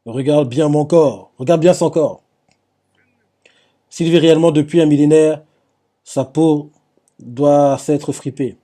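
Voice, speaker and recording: A man voicing a merciless pirate commander, reading the lines slowly and deliberately. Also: on the high side, steady tone, dark tone. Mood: cold. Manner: slow, deliberate line reading.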